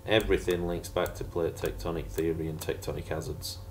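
Deep-voiced jokey teacher. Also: male voice, level tone, fairly quick, a little hiss or hum. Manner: jokey, sarcastic, chatty asides. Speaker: geography teacher. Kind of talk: casual revision lesson over slides.

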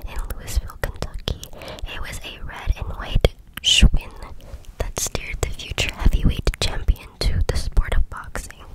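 A person from Cambodia whispering ASMR trivia up close through cupped hands, right at the microphone. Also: low-quality recording. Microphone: very close to the mic, hands cupped.

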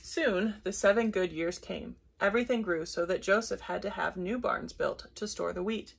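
A woman reading a children's Bible story aloud at bedtime, gentle and unhurried, with brief self-corrections. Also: mid-range voice, creaky, slightly rough.

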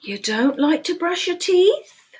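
Reading a picture book to young children, a woman in her sixties uses an extremely high, sing-song voice and takes it slowly. She tells the story in a sing-song manner and asks the kids questions. She's indoors in a small room at home, recorded on a desk webcam.

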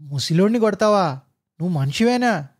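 Man doing righteous ex-military driver, shouting, indignant, high voice. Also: lively intonation, brisk, husky. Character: fiery ex-military male jeep driver, righteous.

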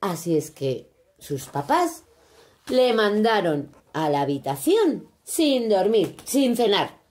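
A woman from reading a children's story aloud in an expressive, animated way. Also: mid-range voice, slow.

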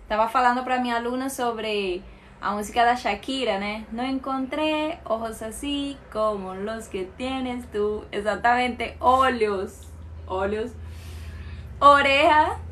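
A Colombian woman, a native Spanish speaker, runs a live language class. She talks slowly and patiently, repeating each word so students can copy it. Her voice sits a little higher than most women's. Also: a bit bright. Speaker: Spanish teacher. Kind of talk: live online language lesson.

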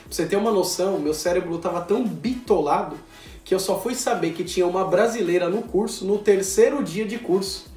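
A Brazilian man in his twenties telling a self-mocking anecdote in a casual, animated way, full of slang. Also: sits high, brisk. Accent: Brazilian Portuguese. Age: 20s. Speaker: vlogger. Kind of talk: casual storytelling. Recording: roomy echo, distant mic, faint music.

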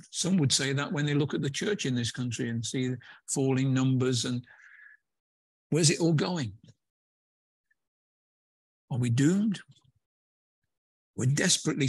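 A man's voice: medium pitch, husky, no echo. A man preaching a conversational sermon in a church, with hesitant fillers and restarts. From England.

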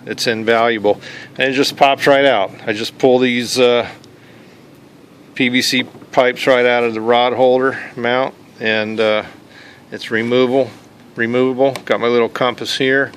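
A man gives a casual walkthrough of his homemade fishing kayak, talking into a handheld camera outdoors. His delivery is level and unhurried, with little rise and fall, and he often stops with an "uh". Faint outdoor noise sits under the voice. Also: mid-range voice. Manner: relaxed, plain-spoken, with frequent "uh" pauses. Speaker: kayak angler showing his gear. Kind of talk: casual show-and-tell walkthrough. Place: outdoors on a paved driveway.

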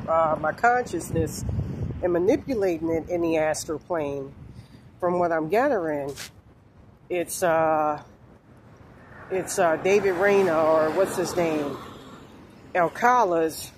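A woman in her forties talking outdoors in a meandering, halting way with many fillers and curses, filmed on a phone held at arm's length. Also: lowish voice. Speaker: vlogger. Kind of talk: rambling spiritual vlog. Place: outdoors on a sunny street. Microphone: phone held low at arm's length. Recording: phone outdoors with faint traffic noise. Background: faint street noise and passing cars.

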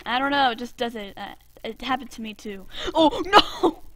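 A young woman giving casual, excitable commentary while playing a video game with friends, often yelping and laughing. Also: fairly high pitch, brisk, very noisy. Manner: excitable, frequent yelps and laughs. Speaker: gamer host.

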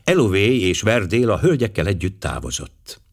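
Expressive male audiobook narrator. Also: sits low, vocal fry. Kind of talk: scripted narration.

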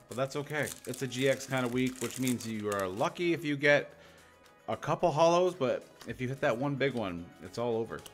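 A young man hosting a casual card pack-opening video, rambling and joking to himself and the cards, with loud bursts of excitement at big pulls. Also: mid-range voice. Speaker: YouTube host opening card packs.

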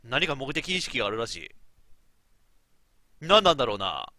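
A man's voice: mid-range voice, very animated, moderate pace, pushed and bright, dry recording. A man streaming a game, quipping and reading the lines aloud theatrically. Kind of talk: animated let's play commentary, reading lines aloud. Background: faint game music.

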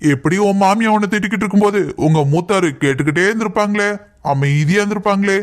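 Male actor as conniving cartoon younger brother; high, blunt, plotting. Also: fast talker, close to an everyday voice. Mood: scheming. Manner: conspiring, giving advice bluntly. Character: scheming young man, meddling younger brother. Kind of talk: cartoon voice acting.

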